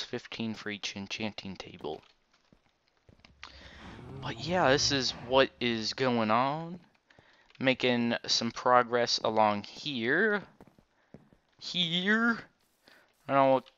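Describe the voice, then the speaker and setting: A man giving casual, halting, rambling gaming commentary while wearing a retainer that slightly affects his speech, recorded on a dull microphone. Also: medium pitch, expressive, pushed and bright, clear, resonant tone, no echo. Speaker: gaming video host. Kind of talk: casual Let's Play game commentary.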